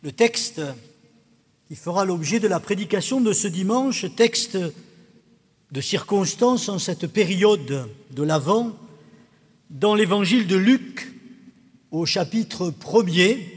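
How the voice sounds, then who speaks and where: A man leading a Sunday service as pastor, reading scripture aloud in a measured, solemn way. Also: high-pitched, lively intonation, slightly rough. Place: church sanctuary. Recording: long church reverb, faint organ music.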